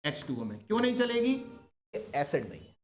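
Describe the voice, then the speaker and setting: A man's voice: high-pitched, very animated, brisk, a little hiss or hum. A man teaching a chemistry class, constantly asking his students questions and coaxing them to answer. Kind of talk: classroom lecture.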